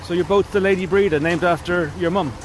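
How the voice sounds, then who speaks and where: A man's voice: high voice, fairly even intonation, brisk. A man interviewing people casually on location outdoors. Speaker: interviewer, presenter. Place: outdoors by the sea. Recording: noisy outdoor location recording.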